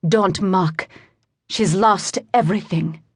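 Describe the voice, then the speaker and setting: A woman's voice: mid-range voice, slow pace, slightly rough, no echo, clean studio sound. A woman doing a sing-song Welsh raven. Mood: sharp. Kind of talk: audiobook narration.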